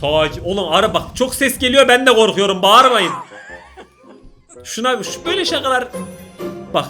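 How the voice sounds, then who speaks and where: A young man with a Turkish accent, reacting to prank videos in casual commentary, exclaiming, laughing and shouting. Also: sits high, lively intonation, normal speed, soft background music.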